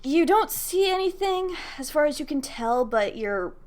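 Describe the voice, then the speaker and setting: A woman narrating as game master in a casual tabletop game, halting with many fillers and the odd swear. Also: high voice, very animated, a little mellow.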